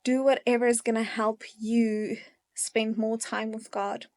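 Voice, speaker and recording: A young woman speaks to her viewers in an unhurried, earnest way, taking her time between thoughts. Her voice sits a little high for a woman and carries a gravelly, fry-edged texture. She sounds gently encouraging, like a faith vlogger chatting to her audience. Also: little pitch movement. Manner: earnest and encouraging, slow with soft pauses. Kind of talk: casual devotional talk to viewers.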